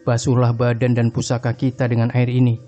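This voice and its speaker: A man voicing a calm male religious cleric in a horror story, speaking in a measured, instructive way. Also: mid-range voice, dull audio, faint music behind, close to an everyday voice. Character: calm male Islamic boarding school cleric.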